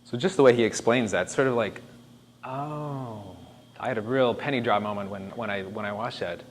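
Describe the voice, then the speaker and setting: Lowish-voiced man presenting, faint noise. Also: normal speed. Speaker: speaker presenting disaster planning. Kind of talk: informal presentation to an audience.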